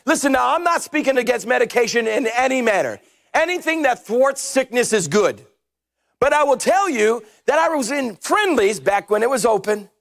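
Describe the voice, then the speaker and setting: Speaking in an extremely high, gravelly voice, a middle-aged man preaches from a church stage with a headset mic. The pastor's sermon is humorous and animated, and he shouts some of his points.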